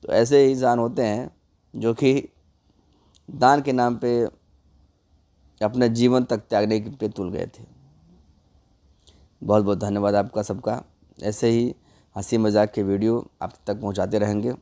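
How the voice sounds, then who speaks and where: A man's voice: fairly low pitch, steady tone, measured pace, long pauses, warm tone. A man narrating a comic folk tale in a loose, conversational way, addressing his viewers. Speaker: storyteller.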